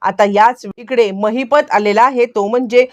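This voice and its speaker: Woman narrator, slightly high voice, dry close sound, recounts the plot step by step. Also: fairly even intonation, measured pace, darkish tone, no echo. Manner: chains events with repeated connecting phrases and quoted dialogue. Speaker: storyteller. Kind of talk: retelling a TV serial plot.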